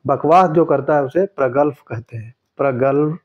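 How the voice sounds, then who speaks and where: A man tutoring for an exam, going through test answers in a steady way and repeating each key word for emphasis. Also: mid-range voice, moderate pace, narrow, tinny audio.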